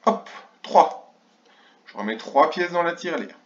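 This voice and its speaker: A man's voice: on the high side, expressive, a little slow, a bit bright. A man teaching young children in a remote lesson, counting aloud and sounding out syllables carefully. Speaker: kindergarten teacher. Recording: dull lo-fi recording.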